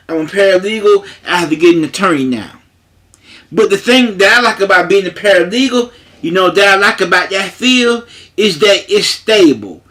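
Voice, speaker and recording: A man talks in a loose, emphatic monologue, circling back to the same points and leaning on fillers. His voice sits high for a man and has a bright, forceful edge. He speaks with a way of talking. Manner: repetitive, emphatic, conversational with frequent fillers. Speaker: paralegal. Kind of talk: casual monologue to camera.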